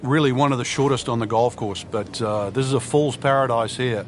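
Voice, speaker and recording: Here a golf commentator describes the course like a chatty analyst, his mid-range voice a little fast and lightly acted. Faint crowd noise and outdoor sounds fill the background.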